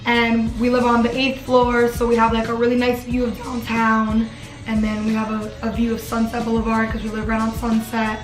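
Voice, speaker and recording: A woman's voice: a little high, completely flat delivery, normal speed, echoey room, over music, poor audio. A woman in her twenties chatting casually in her dorm room as a vlogger, filling her talk with "like". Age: 20s. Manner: chatty, lots of "like" fillers. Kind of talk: casual chat.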